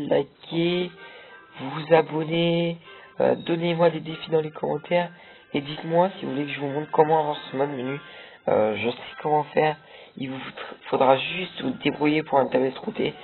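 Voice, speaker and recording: A young gameplay video creator gives rambling, casual commentary on his own playthrough, heavy on fillers and restarts. His slightly high voice keeps a steady tone at a normal speed, recorded tinny and lo-fi with loud game music.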